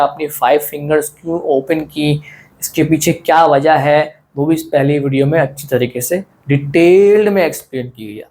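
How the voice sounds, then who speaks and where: A man teaching an online lesson in a relaxed, friendly way, asking questions and answering them himself and often repeating his points. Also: fairly high pitch. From South Asia. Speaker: Quran teacher.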